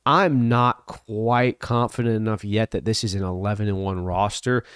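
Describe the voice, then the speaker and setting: A man co-hosting a college football podcast, giving careful, measured opinions. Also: lowish voice, steady tone, smooth, dry recording, clean studio sound. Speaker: co-host. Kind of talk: casual sports podcast chat.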